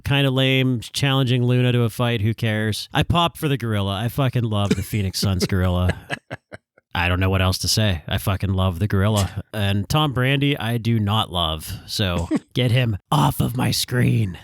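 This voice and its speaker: A man's voice: fairly low pitch, moderate pace, smooth, no echo, studio quality. A man co-hosting a podcast, giving wry, blunt reactions in casual chat. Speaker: podcast co-host.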